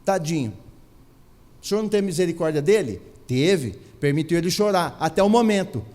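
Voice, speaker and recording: A man with a Brazilian Portuguese accent preaches a sermon in a notably high voice, driving his points home with repetition and rhetorical questions. His words ring out with a long reverb, as in a large church hall. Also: expressive, a little fast, darkish tone. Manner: emphatic preaching, rhetorical questions, repeats phrases. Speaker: pastor.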